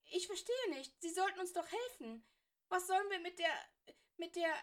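A woman reader voicing a tearful, anxious young schoolgirl who pleads and stammers in a high voice. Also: animated, normal speed. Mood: panicked pleading. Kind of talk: fan fiction audiobook reading.

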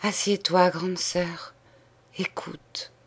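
A woman reading aloud, voicing a dying middle-aged woman who confesses to her sister in a hoarse, halting whisper. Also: on the low side, steady tone, close to an everyday voice. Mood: anguished. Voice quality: hoarse, halting broken phrases. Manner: whispered pleading.

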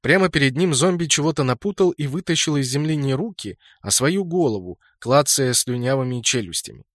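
A man's voice: medium pitch, dry recording, studio quality. A man reading scripted fantasy game fiction as an audiobook narrator.

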